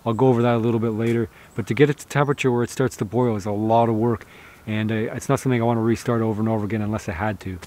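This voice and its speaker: With a dark, fairly low voice and a steady tone, this Canadian homesteader talks rapid-fire to his handheld camera at arm's length. He's outdoors in snowy woods and fields, easygoing and prone to fillers and restarts, and a little hiss or hum is audible.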